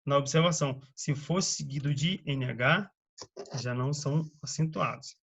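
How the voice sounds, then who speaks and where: A man from Brazil, slowly giving a grammar lesson and reading out word lists with frequent checks on the listener. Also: mid-range voice, vocal fry, fairly bright tone, slightly rough. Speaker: teacher. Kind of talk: slow spoken grammar lesson.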